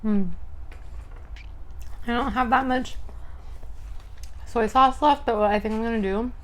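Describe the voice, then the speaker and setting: A woman's voice: a little high, steady tone, a little slow. A young woman in her twenties chatting casually to viewers between bites of food, filling her talk with "like". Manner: chatty, lots of "like", chewing sounds between lines. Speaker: mukbang vlogger. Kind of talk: casual chat while eating.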